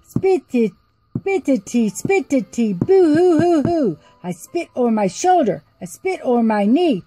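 A woman's voice: a little high, mellow, husky, no room sound, full character voice, low-quality recording. A woman voicing a grumpy, mean old witch in a storybook, chanting rhyming spells.

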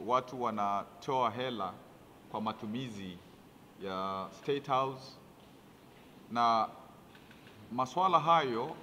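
A man explaining county accounts at a press briefing, pausing with fillers as he goes. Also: mid-range voice. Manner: bright, forceful, with hesitant fillers. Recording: reverberant hall, faint background noise.

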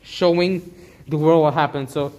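This clip has a fairly high-pitched, slightly mellow male voice with a steady tone and ordinary pace. It belongs to a young vlogger filming on a handheld camera as he walks through a vast abandoned factory, chatting and explaining what he sees.

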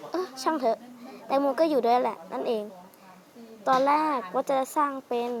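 A woman's voice: on the high side, vocal fry. A young woman casually chatting while playing a computer game, rambling playfully into a headset mic close to her mouth. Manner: rambling, playful, polite sentence endings. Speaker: game channel host. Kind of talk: casual chatty gameplay commentary.

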